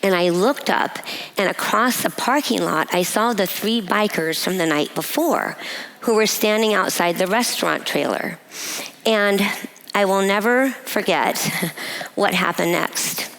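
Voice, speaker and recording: A woman giving a personal testimony at a women's breakfast, telling a story in a measured way and laughing often. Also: medium pitch, fairly bright tone, low-quality recording. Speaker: guest speaker. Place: event hall.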